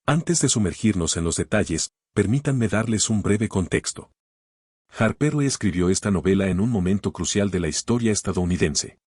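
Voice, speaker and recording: A man hosting a podcast, reading scripted literary commentary in a measured, formal way and posing rhetorical questions. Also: on the low side, darkish tone, slightly rough, no echo, studio quality. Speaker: podcast host.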